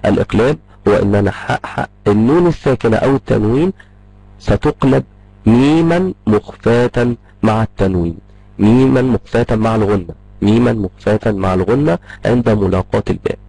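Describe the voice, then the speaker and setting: A man with an Egyptian Arabic accent teaches Quran recitation rules at a rapid clip, repeating key terms and asking whether his students follow. His voice is low, dark and gravelly with a husky edge. The recording is dry and close, with no room sound. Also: no echo, rough recording. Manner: rapid, repetitive explaining, checks in with "tamam?". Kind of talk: online tajweed lecture.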